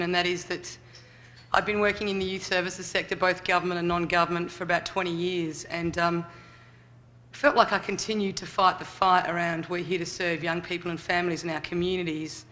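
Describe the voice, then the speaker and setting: At a conference in a big hall, an Australian man who leads a youth services group tells his story in a loud, chatty voice full of fillers. His voice sits high with little pitch movement, and he talks fairly quickly.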